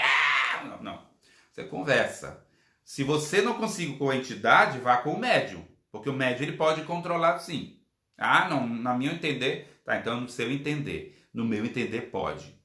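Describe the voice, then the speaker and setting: A man giving a live-streamed lecture as a spiritual teacher. He speaks in an animated, colloquial way and acts out quotes. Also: mid-range voice, echoey room.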